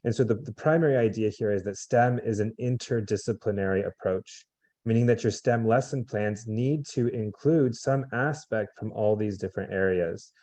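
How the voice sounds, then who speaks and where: A man, a veteran teacher, calmly explaining lesson plan requirements in a webinar over a video call. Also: lowish voice, normal speed, dry recording. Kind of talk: webinar briefing.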